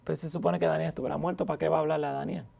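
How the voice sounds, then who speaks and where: A man's voice: on the high side, flat delivery, very fast, creaky, warm tone, breathy edge. A man teaching a verse-by-verse Bible study, reading scripture aloud and then explaining it with rhetorical questions.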